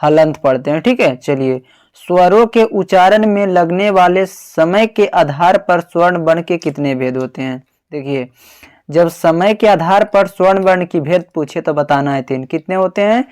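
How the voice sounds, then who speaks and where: A man's voice: sits high, normal speed, darkish tone. Man quizzing students on grammar. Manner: quizzes himself with a question, then repeats the answer; calls the listener "babu", sounds out syllables. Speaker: teacher. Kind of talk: exam-prep lesson.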